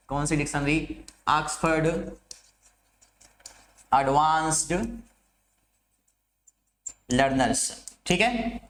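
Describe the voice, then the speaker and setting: A man teaching English literature in Hindi, stretching the English terms out slowly as he lectures through a syllabus. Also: sits high, fairly bright tone.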